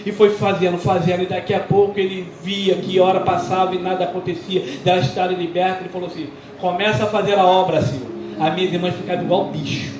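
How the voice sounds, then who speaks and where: High-voiced Brazilian pastor preaching testimony. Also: male voice, quick pace, few pauses, background noise. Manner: animated storytelling, acting out quoted dialogue. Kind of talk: sermon testimony. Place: church. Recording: echoey church with music behind. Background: music.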